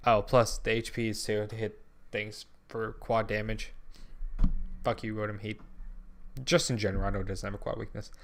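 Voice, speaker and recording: A man's voice: lowish voice, flat delivery, moderate pace, vocal fry, long pauses, a little hiss or hum. A young man in casual gaming commentary, thinking aloud with lots of ums, frequent swearing and restarted sentences. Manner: rambling, drops and restarts sentences. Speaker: channel host.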